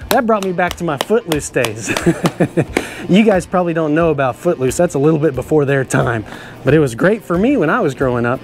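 A man's voice: fairly high pitch, very animated, brisk, noisy background. A middle-aged man hosting a children's show as a cowboy, touring a stadium locker room with big enthusiasm and frequent laughs. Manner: enthusiastic, exclamatory, laughs often. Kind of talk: upbeat kids' show tour hosting.

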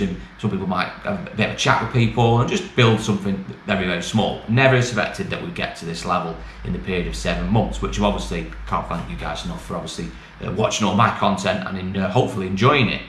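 A used car dealer and vlogger, a middle-aged British man, rambles casually to camera about his latest news in plain colloquial terms. His voice sits low and sounds a bit bright. Recorded in a small bare office, the audio is echoey with clear background noise.

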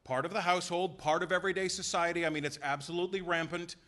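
A man preaching a sermon in a church, emphatic and full of rhetorical questions and quick voiced asides. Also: high voice, steady tone, bright, forceful tone. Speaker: pastor. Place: church sanctuary.

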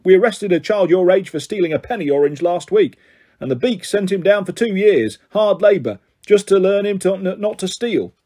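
A man voicing a gruff, bullying middle-aged male desk sergeant who talks sternly and loudly. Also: high voice, lively intonation, moderate pace, voice pushed up. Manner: pompous, stern, loud.

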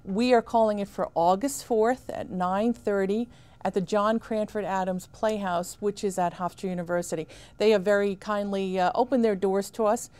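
A woman in her fifties speaks as a town official in a small studio interview set. Her delivery is measured and emphatic, at an ordinary middle pitch. She is picked up cleanly by a lapel mic. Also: steady tone, dark tone, smooth. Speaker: town supervisor.

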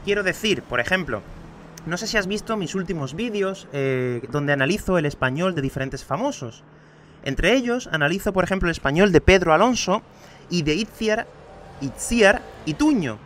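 On his outdoor home terrace, an Andalusian man with a light Spain Spanish accent records a podcast lesson, patiently answering student questions and addressing the listener directly. His voice sits high and is expressive and fairly bright, at a normal speed, with slight background noise.

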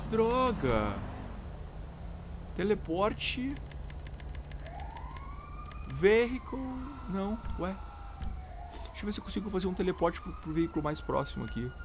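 A young adult man with a Brazilian Portuguese accent, giving casual, jokey game commentary with sudden loud exclamations. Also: high-pitched, moderate pace, pauses often. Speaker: gameplay commentator. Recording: loud game car noise behind voice.

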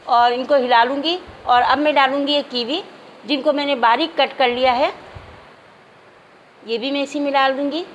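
High-voiced woman giving calm recipe steps. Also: a little hiss or hum. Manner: calm, instructive, addresses viewers directly. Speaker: cooking channel host. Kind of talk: step-by-step recipe voice-over.

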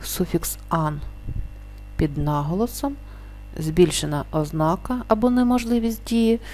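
A woman explains a grammar lesson in a low, mellow voice. She states each rule plainly, then slows down to sound out the examples with care. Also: expressive. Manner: slow, careful spelling-out of example words. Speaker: teacher.

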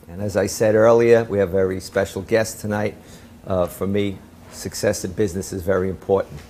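An older man hosting a local cable talk show from a small studio, speaking in a formal, measured way with frequent "uh" fillers. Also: deep voice, a little mellow, slight background noise.

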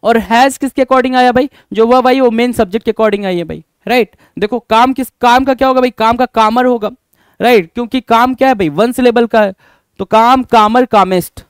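Speaking at normal speed in a smooth, very high voice, this young Indian man runs a live online exam-prep lesson on English grammar. He goes over points again, poses rhetorical questions, addresses everyone as "bhai," and replies to chat commenters by name, all in a dry, clean studio recording.

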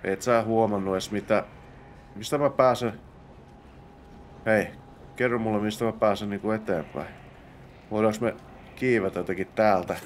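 A man's voice: fairly low pitch, steady tone, pauses often, a little hiss or hum. A young Finnish man giving casual gameplay commentary, muttering to himself and bursting into exclamations during fights. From Finland. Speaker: let's play host.

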